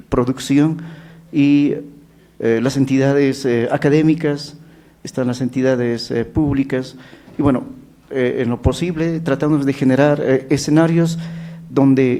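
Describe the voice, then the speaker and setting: A man talks on a conference panel in a dark, mellow voice at a mid pitch. He moves haltingly through lists and hesitates often between items. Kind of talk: panel discussion remarks.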